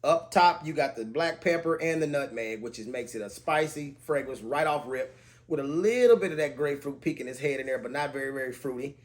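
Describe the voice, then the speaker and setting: A man casually reviewing budget fragrances to camera, talking in a relaxed way and listing scent notes in a steady cadence. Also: medium pitch, fairly quick.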